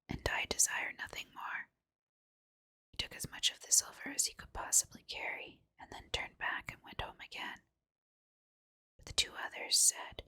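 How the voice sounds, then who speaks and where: A woman's voice: high-pitched, bright, forceful tone. Whispering woman reading a fairy tale. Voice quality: breathy whisper. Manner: storybook fairy tale narration, measured and deliberate. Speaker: host and reader of fairy tales.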